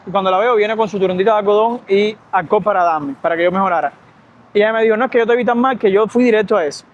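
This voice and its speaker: Young Cuban man, quick storyteller on a walk outdoors, high voice, slightly dull audio. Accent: Cuban Spanish. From Cuba. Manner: fast, lively storytelling. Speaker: doctor and vlogger. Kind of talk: storytime vlog. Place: outdoors by a street, walking.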